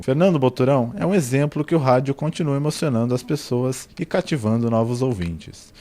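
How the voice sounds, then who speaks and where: A man's voice: medium pitch, dark tone. A Brazilian man reading scripted narration as a reporter.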